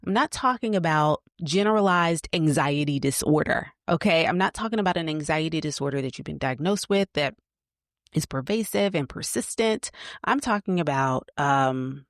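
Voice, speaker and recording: Speaking at a moderate pace in a low voice with lively intonation, this podcast host shares personal stories and advice in a relaxed, chatty way full of fillers. The recording is clean studio audio without any room sound.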